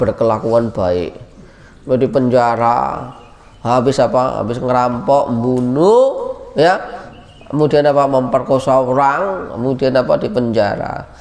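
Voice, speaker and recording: A man teaching as a boarding school ustadz in a casual religious lecture, lively and teasing, loudly calling out students' names. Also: mid-range voice, vocal fry. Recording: long reverb.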